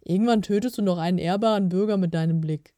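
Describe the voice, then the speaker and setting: A woman voicing a male elf who teases and jokes loudly, in a storybook reading. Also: on the low side, fast, no room sound, studio quality, close to an everyday voice. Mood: teasing. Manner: teasing, loud. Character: mocking joking male elf.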